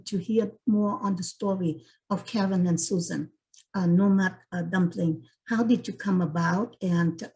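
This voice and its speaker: A woman's voice: medium pitch, a little mellow, poor audio. A woman hosting a panel discussion. Her voice sits in a middle register, and her tone is formal and encouraging. She introduces each panelist in turn. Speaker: panel moderator.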